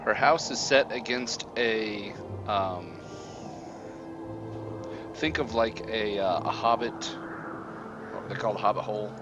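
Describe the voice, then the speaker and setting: A man's voice: fairly low pitch, slow, long pauses, muffled recording. A man narrating a tabletop fantasy game casually as game master, describing scenes and checking in with players. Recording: music behind the voice.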